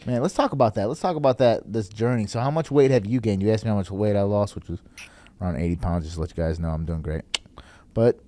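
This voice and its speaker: A man in his thirties, a company chief on a podcast, joking in a deadpan way with drawn-out pauses. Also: fairly low pitch. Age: 30s. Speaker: podcast guest, company CEO. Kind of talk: casual podcast chat.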